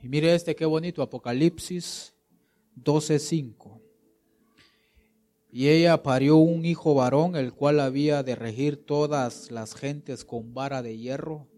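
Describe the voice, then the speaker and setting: A man's voice: a little high, warm tone. A man preaching a sermon as pastor, asking rhetorical questions and acting out quotes, rising to emphatic peaks. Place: church.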